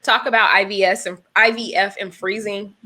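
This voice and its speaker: A woman's voice: mid-range voice, steady tone, normal speed, pushed and bright. A woman in her thirties co-hosting a podcast, talking through her points with examples in a casual chat. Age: 30s. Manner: thoughtful, talks through examples. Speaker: podcast co-host.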